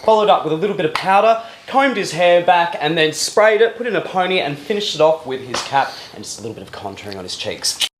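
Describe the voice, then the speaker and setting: A man's voice: fairly high pitch, sing-song, fast, a bit bright. A man working as a makeup stylist, explaining a makeover step by step. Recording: roomy echo, faint background noise.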